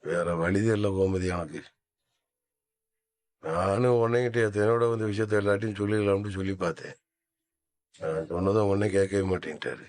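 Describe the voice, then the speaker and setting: An actor in a TV serial playing a calm, resigned middle-aged husband reassuring his wife. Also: low-pitched, moderate pace, long pauses. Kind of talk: Tamil TV serial acting.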